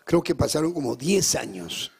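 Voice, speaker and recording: Male pastor, live sermon: gravelly, husky, fervent, swings from loud climaxes to hushed storytelling. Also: big pitch swings, moderate pace. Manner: fervent preaching that climbs high and loud, then drops into hushed storytelling.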